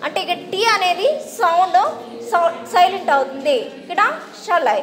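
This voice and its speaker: High-voiced woman teaching English sounds. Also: a bit bright. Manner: spells words out slowly, then repeats the sound; asks students to read aloud. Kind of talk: classroom phonics lesson.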